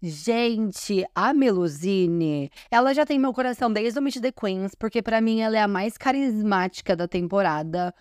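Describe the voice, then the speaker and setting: A woman's voice: mid-range voice, normal speed, few pauses, a little mellow, clear, resonant tone, no echo, studio quality. A woman podcast host with a Brazilian Portuguese accent, chatting in an effusive, gushing fan recap full of fillers. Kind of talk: casual fan recap commentary.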